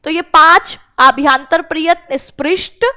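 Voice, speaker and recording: Young female exam-prep teacher, high-pitched and unhurried, drills mnemonics for students to repeat. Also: bright, forceful tone. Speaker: Sanskrit teacher.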